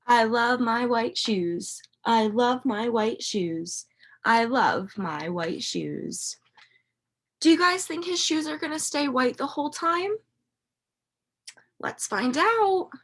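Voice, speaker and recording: Reading a picture book aloud to young children, a woman speaks like a teacher, animated and expressive, with dramatic emphasis and pauses. Her voice is slightly husky and on the high side, and she keeps the read-aloud interactive by asking the kids questions.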